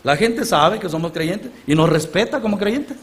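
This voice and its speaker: A Honduran man preaching at a church conference, in an earnest storytelling sermon. He calls his listeners brothers, rises to loud exclamations and then drops to quiet, low asides. His Honduran Spanish accent is plain throughout. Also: lively intonation, moderate pace. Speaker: guest preacher. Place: church conference gathering before a large congregation.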